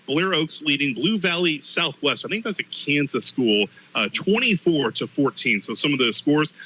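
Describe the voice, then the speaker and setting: A man's voice: on the high side, pushed and bright, low-quality recording. A man co-commentating on a live sports broadcast, talking conversationally from the booth. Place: stadium press booth.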